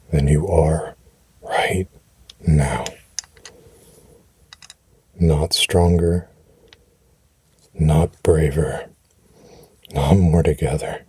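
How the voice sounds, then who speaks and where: A man offers soothing affirmations for rest in a deep, husky, breathy voice, gentle and reassuring, with unhurried pauses and a steady tone. He speaks close to a dry microphone, with no room sound.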